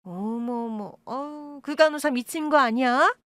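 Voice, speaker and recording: A woman's voice: a little slow, fairly bright tone, dry recording. A woman voicing a scheming middle-aged birth mother who whines, pleads and flares up indignantly, in an audio drama. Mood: wheedling. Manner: wheedling, indignant, talks in high pleading bursts. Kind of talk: Korean audio-drama acting.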